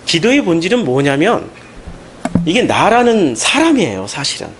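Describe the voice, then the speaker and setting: A man preaching a Sunday sermon as pastor, animated and emphatic, with questions put to the congregation. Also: fairly high pitch, normal speed, noisy background. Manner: animated, rising into emphatic questions and mocking quotes.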